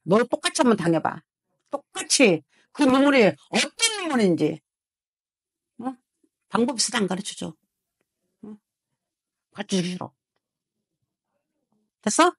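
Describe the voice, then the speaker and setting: A woman's voice: a little high, sing-song, unhurried, long pauses, breathy edge, dry recording, studio quality. A woman fortune teller harshly scolding a client, swearing and prodding him with rhetorical questions. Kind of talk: heated consultation with a client.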